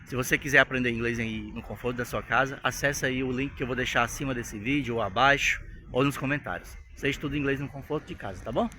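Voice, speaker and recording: A Brazilian man with a Brazilian Portuguese accent, telling a story as an English teacher in a chatty, animated way. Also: mid-range voice, fast talker, a little hiss or hum. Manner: chatty, animated, keeps asking "né?". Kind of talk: storytelling lesson to camera.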